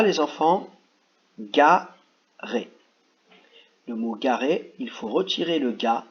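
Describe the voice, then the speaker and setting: Patient teacher man, lively voice. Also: a little high, lo-fi sound. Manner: slow, patient, stresses sounds and words. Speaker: primary school teacher. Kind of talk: explaining reading exercises to children.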